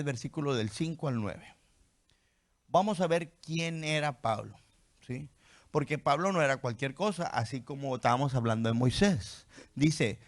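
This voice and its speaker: A man preaching a sermon as pastor. He reads scripture aloud, then explains it with rhetorical questions and "¿sí?" checks to the congregation. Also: medium pitch.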